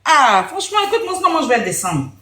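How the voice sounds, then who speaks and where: A woman pleading with someone to calm down, heard off mic in an echoey, noisy room. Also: high voice, fast, music in the background.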